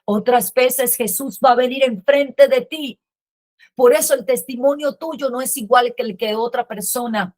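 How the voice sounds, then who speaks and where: Woman preacher, middle-aged, high and slow, impassioned sermon delivery. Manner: impassioned preaching, rising to shouts. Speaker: pastor.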